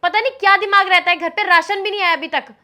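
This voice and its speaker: An actress playing a quick-tempered young woman arguing with her live-in partner, sharp and scolding. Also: very high-pitched, steady tone. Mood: angry. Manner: sharp, scolding, turns to pleading. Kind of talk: scripted short-film acting.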